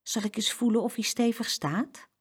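A woman's voice: fairly high pitch, moderate pace, slightly rough, voice pushed up. A woman voicing a clumsy young boy in a children's story. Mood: eager. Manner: eager, then yelping in pain.

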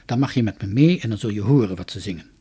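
A man's voice: lowish voice, animated, fast talker, dark tone, husky, pitched below the performer's own voice. Man doing a firm, kindly woodcutter dad. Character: kind woodcutter father, firm and reassuring.

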